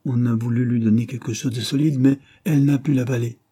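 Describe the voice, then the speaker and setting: A man voicing a kindly, selfless aging pastor who speaks earnestly and insists gently. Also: mid-range voice, steady tone, a little fast, breathy edge, lightly acted.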